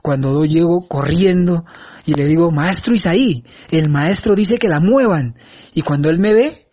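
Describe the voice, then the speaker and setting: A man giving a first-person eyewitness account, halting and earnest, with frequent restarts. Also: fairly high pitch, a little mellow. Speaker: eyewitness recounting an event. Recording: dull lo-fi sound.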